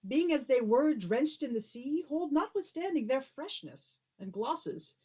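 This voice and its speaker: Woman playing a lively, wordy old courtier. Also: high voice, measured pace, lo-fi sound. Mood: earnest, cheerful. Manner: earnest, long-winded, courtly. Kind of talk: Shakespearean stage drama performance.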